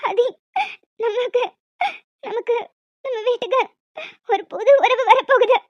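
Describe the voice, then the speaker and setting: A woman voicing an emotional young wife in a cartoon story, high and childlike, breaking into sobs. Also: fairly even intonation, measured pace, no echo. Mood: tearful joy. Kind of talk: cartoon voice acting. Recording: dull lo-fi audio with faint music.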